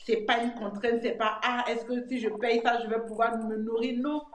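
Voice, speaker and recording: A woman's voice: on the high side, steady tone, moderate pace. A woman in her thirties telling her own experience in a casual testimonial chat, talking freely, repeating words and retelling scenes from home. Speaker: interviewee giving a testimonial. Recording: echoey room with clear noise.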